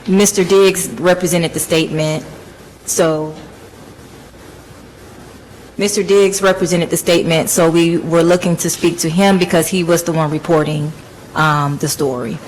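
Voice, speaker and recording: A woman's voice: on the low side, steady tone, measured pace, pauses often, a little mellow, slight background noise, low-quality recording. Hesitant female prosecutor addressing the court. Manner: careful, hesitant with frequent ums. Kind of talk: courtroom argument.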